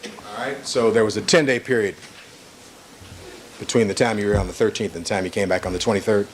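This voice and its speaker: A man's voice: on the low side, fairly even intonation, fairly quick, slight background noise. A man cross-examining a witness as an attorney in a courtroom recording, pressing with repeated leading questions.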